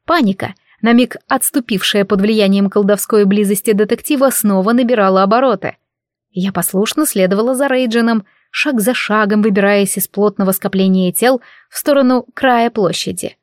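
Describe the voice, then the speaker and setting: A woman narrating a novel in the first person, with steady, engaged storytelling. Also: medium pitch, moderate pace, dry recording, studio quality. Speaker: audiobook narrator.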